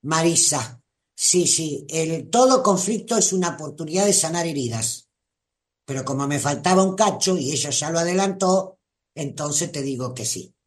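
A host with a Rioplatense Spanish accent, giving a gentle, reflective live talk and answering listeners by name like a spiritual teacher. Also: mid-range voice, expressive, normal speed.

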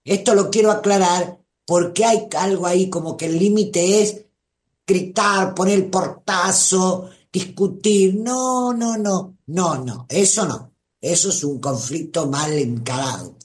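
A woman with a Rioplatense Spanish accent talks her live-stream audience through advice at an unhurried pace. She is emphatic and calls listeners darling and treasure. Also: lowish voice.

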